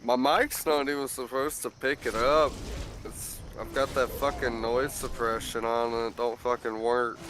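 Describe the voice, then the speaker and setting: A man's voice: medium pitch, level tone, normal speed, a bit bright. A man with a strangled, congested voice, as if short of breath, chatting casually in terse, sweary grumbles. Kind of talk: casual chat over voice call. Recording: noisy mic picking up breathing and background.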